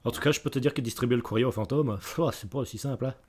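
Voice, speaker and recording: A man's voice: mid-range voice, rapid-fire, darkish tone, lightly acted. A man voicing a chatty, good-natured ghostly male bear postman with a put-on mix of Belgian and northern French accents, rambling like a folksy storyteller. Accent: mixed Belgian and northern French put-on. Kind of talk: improvised game character voice.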